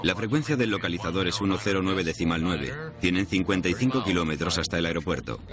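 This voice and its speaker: A man playing a calm, methodical air traffic controller in a dubbed documentary, speaking matter-of-factly. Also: sits low, fast. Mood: calm, businesslike.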